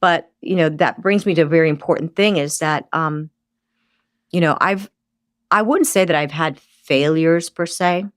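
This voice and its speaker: A middle-aged woman, a nurse in aesthetic medicine, telling her career story as a podcast guest in a lively way, acting out the people she quotes. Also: sits low, moderate pace, clear, resonant tone, dry recording, clean studio sound. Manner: lively storyteller who acts out quoted dialogue. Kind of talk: casual interview storytelling. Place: podcast studio.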